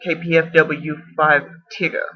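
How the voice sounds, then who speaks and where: A man's voice: fairly high pitch, level tone, unhurried. A man in a casual video response, explaining at length, often correcting himself and unsure of details. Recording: dull lo-fi camera audio.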